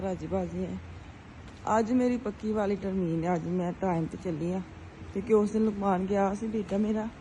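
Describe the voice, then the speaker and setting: Pakistani punjabi lady vlogging her errands, easygoing chatter, soft warm voice, middle pitch. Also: a little hiss or hum. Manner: chatty, narrates daily errands to viewers. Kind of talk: casual vlog chat.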